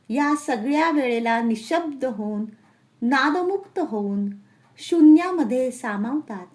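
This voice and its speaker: A woman reading a spiritual essay aloud in slow, measured recitation. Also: sits high, darkish tone. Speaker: reader and channel host.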